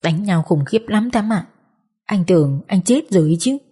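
A woman's voice: mid-range voice, lively intonation, moderate pace, warm tone, husky. A woman voicing a troubled male war veteran who speaks plaintively and confidingly.

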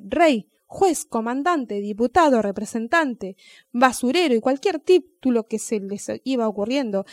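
A woman's voice: sits high, no room sound. Woman reading a children's story. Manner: gentle, expressive storytelling.

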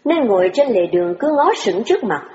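A woman narrating a story in a calm, measured way. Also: medium pitch. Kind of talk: audiobook narration. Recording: echoey hall with a long reverb, lo-fi.

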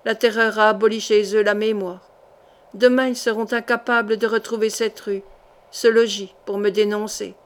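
A woman reading aloud, voicing a ruthless male scholar-sorcerer who mutters intense, low threats in a storybook reading. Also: flat delivery, normal speed, lightly acted. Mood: brooding.

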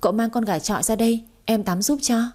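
A woman reading aloud and voicing a sharp-tongued, scheming young wife who teases in singsong rhymes. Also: fairly high pitch, fast talker, close to an everyday voice. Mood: pert.

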